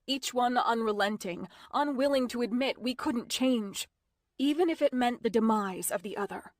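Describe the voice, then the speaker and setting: Woman reading first-person fiction, measured and slow, dry booth sound. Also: fairly high pitch, no room sound. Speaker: audiobook narrator. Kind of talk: first-person audiobook narration.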